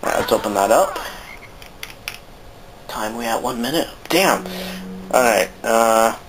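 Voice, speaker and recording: A man's voice: medium pitch, expressive, measured pace, a little hiss or hum, low-quality recording. Rambling, cussing man doing game commentary. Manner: rambling, swears casually. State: sore throat. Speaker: let's play commentator. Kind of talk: casual gameplay commentary.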